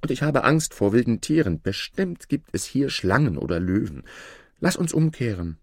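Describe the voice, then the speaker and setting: A frightened storybook boy, played by a man who pushes his deep voice higher and sounds anxious and pleading. The recording is dry and close. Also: lively intonation, slow pace, mellow, no room sound.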